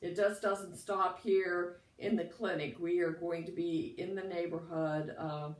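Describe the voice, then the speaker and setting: Croaky woman with a cold, echoey room. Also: on the low side, steady tone, a little slow. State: has a cold. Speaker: free clinic director, interviewee. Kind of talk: casual interview answers. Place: indoors at a clinic. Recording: echoey room, distant mic.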